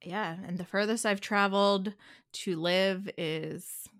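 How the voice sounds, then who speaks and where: A woman's voice: medium pitch, fairly even intonation, takes it slowly, fairly bright tone. A woman from the Philadelphia suburbs with a Delco accent, chatting casually and candidly as a podcast co-host. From suburbs of Philadelphia, United States.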